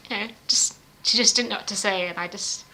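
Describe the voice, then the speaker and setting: A woman telling a personal story in an interview, lively and self-mocking, laughing often. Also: mid-range voice, a little fast.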